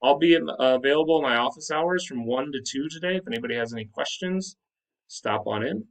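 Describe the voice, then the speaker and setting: A man's voice: mid-range voice, fairly quick. Male teacher addressing class, distant mic. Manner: instructive, checks understanding with questions. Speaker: high school math teacher. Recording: distant microphone.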